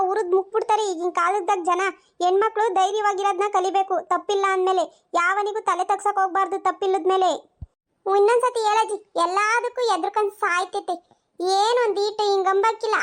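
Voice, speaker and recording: A woman voicing a stern old village grandmother who scolds and advises in a cartoon. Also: very high-pitched.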